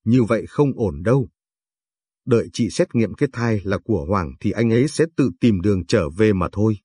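A man voicing a meek, self-blaming pregnant young wife in a storybook reading, softly reassuring. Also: fairly low pitch, expressive, moderate pace, slightly rough, no room sound, clean studio sound. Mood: resigned. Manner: soft, resigned reassurance.

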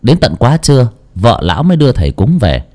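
A man narrating a horror story in an expressive, dramatic storytelling style, then chatting jokily to listeners. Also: mid-range voice, fairly quick. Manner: expressive, lively delivery; jokey, chatty afterword. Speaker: audiobook narrator.

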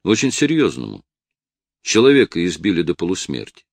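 A man reading a quiet, terse young man. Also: low voice, wildly swooping pitch, brisk, gravelly, no echo, pitched below the performer's own voice, full character voice. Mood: restrained. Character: young man visiting his beaten friend, restrained.

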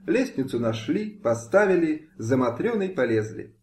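A man reading a historical audiobook aloud with expressive, dramatic delivery. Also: fairly high pitch, normal speed. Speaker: audiobook reader. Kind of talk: amateur audiobook narration. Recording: roomy home recording.

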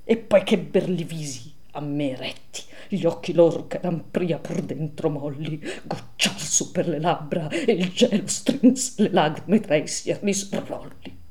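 A middle-aged woman giving a live dramatic poetry recitation, theatrical, swinging from whispers to loud declaiming. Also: low-pitched, measured pace. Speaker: reader.

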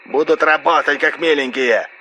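A man's voice: mid-range voice, fairly quick, pushed and bright, dull audio, slight background noise, pitched above the performer's own voice, natural voice. A man reading an audiobook, voicing a ruthless male corporation boss who barks orders. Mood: domineering. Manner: barking, domineering.

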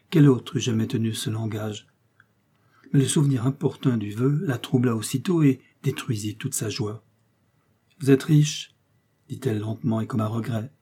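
A man narrating a classic novel as an audiobook in a measured, steady manner. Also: on the low side, slightly rough. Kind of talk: scripted literary narration.

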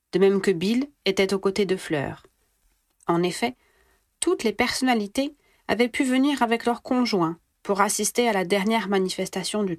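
A woman narrates a story in a steady, clear reading voice at a middle pitch. The sound is dry and close, with no room around it. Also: no echo. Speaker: reader of fan fiction. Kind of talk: audiobook narration.

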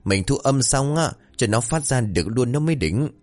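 A man voicing a young village prankster who eagerly pitches a scheme to his friends. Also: lively intonation, moderate pace, close to an everyday voice. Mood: eager scheming. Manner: eager, conspiratorial, boastful.

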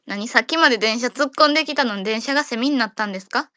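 A woman's voice: fairly high pitch, rapid-fire, bright, forceful tone, no echo, studio quality. A woman with a Kansai accent hosting a casual audio chat room, joking around and rambling playfully. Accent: Kansai Japanese.

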